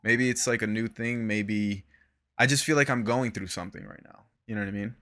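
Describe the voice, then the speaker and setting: A man's voice: on the low side, fairly even intonation, a little fast, sharp tone. A young man co-hosting a podcast in casual chat, laid-back and slangy, laughing often and trailing off. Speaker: podcast co-host.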